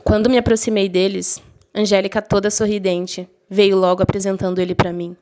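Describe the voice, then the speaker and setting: A young woman telling a personal story in the first person, emotional and expressive, briefly voicing the other people in it. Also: medium pitch, a little fast. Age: young adult. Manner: emotional, voices quoted friends and mother lightly.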